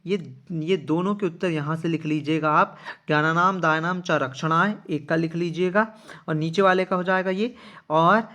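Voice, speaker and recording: A male teacher with a slightly high voice is explaining a school lesson to children. He reads each verse slowly and deliberately, then explains it in a brisk, casual way, speaking straight to his pupils. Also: a bit bright.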